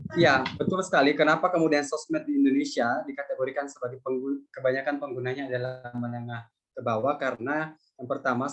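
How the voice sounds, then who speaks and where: A man's voice: mid-range voice, rough recording. A male lecturer answering student questions in a conversational public lecture, with many fillers and repeated phrases.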